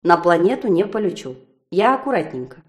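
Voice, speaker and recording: A woman reading an audiobook and voicing a male spaceship's AI, loud, clear and deliberate. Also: lowish voice, very animated. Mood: dry. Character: spaceship's AI, male, dry and precise. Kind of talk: audiobook character voice.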